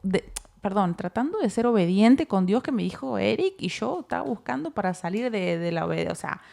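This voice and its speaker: Creaky-voiced Uruguayan woman telling a story. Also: mid-range voice, moderate pace. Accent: Uruguayan Spanish. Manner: animated, acts out her own inner dialogue. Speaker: co-host. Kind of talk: casual testimony storytelling.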